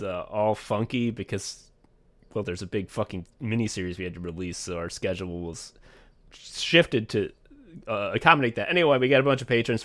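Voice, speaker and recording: This young man co-hosts a casual podcast, rambling loosely, laughing often and swearing freely. His voice sits lowish with a slightly bright edge.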